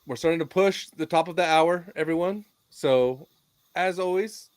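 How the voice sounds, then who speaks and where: An upbeat man in his thirties hosts a casual chat with a slightly high voice. He sounds enthusiastic and easygoing. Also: moderate pace. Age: 30s. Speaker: podcast host.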